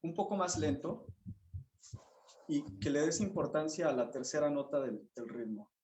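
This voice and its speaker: A man teaching a bassoon masterclass, patiently explaining and singing rhythms and note names to show the phrasing. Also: expressive, moderate pace, noisy background. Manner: patient, encouraging. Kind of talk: masterclass instruction.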